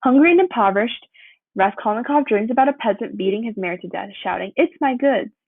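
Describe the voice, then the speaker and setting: A young woman reads a student presentation from a script at a steady pace, now and then tripping on a word and fixing it. Her voice sounds thin and phone-like. The recording is dry, with no room echo. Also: medium pitch, fast talker. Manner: steady read-through with occasional slips and self-corrections. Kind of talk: reading a prepared presentation.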